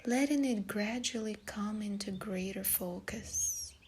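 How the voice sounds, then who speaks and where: A woman leading a guided meditation in a soft, breathy, soothing delivery. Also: medium pitch, measured pace, a little hiss or hum.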